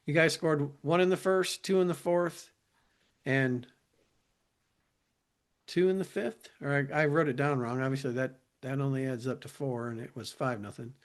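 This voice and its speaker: A man's voice: medium pitch, fairly even intonation, moderate pace. A man hosting a podcast, reading out game stats in short bursts and asking the guests questions. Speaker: podcast host.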